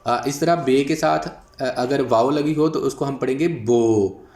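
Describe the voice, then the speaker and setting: A male teacher works through a phonics lesson at an unhurried, deliberate pace, sounding out letters one at a time. His voice sits at an ordinary middle pitch. The recording carries a noticeable room echo. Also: a little mellow.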